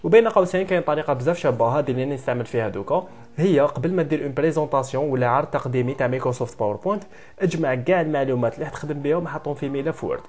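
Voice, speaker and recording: A man with an Algerian Arabic accent giving a software tutorial, briskly mixing French computer terms into his speech. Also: fairly high pitch. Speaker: software instructor. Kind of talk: screen-recorded tutorial.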